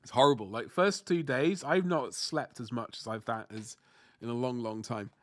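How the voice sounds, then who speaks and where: A livestream host with a stuffy nose and a sore throat from the flu paints miniatures while casually answering viewer comments. He rambles, corrects himself, and swears mildly, speaking in a mid-range voice at a moderate pace.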